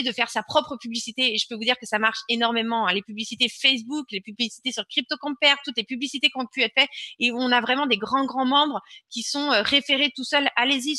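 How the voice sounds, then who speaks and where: Bright, high-voiced woman presenting a webinar. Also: no room sound. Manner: insistent, repeats words for emphasis. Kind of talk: online webinar with screen-share demo.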